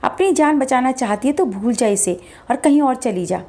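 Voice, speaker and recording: A woman's voice: high voice, lively intonation, moderate pace, darkish tone. Woman voicing a vengeful female spirit. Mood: threatening. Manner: threatening, commanding. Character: vengeful possessive female spirit speaking through a man.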